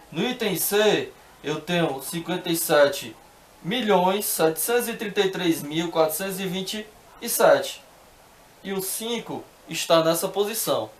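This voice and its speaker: A man's voice: fairly high pitch, reverberant. A man teaching math, working through exercises patiently step by step and often checking in with the viewer.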